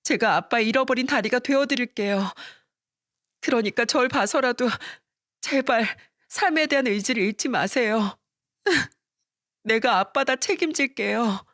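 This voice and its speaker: A woman's voice: on the high side, a little slow, fairly bright tone, dry recording, studio quality, pitched above the performer's own voice. A woman voicing a tearful, devoted adult daughter who pleads and sobs, in a story radio reading. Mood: tearful pleading. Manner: pleading, sobbing.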